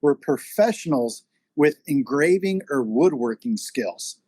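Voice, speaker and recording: A man's voice: medium pitch, animated, a little slow, warm tone, dry recording. A man steering a casual interview as its host. He talks in a loose, rambling way, full of "uh" and "you know." His voice sounds dry and close, with little room around it. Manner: rambling with many fillers. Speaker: podcast host and magazine editor.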